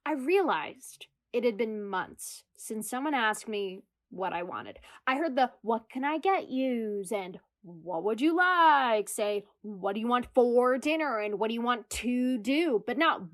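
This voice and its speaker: A woman's voice: fairly high pitch, lively intonation, slow, few pauses. A woman acting an anxious, self-deprecating single New Yorker in a comedic audio drama monologue about herself. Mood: agitated. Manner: self-deprecating, wry, confessional. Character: anxious single New York woman spiraling into existential crisis. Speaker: lead actor in radio comedy.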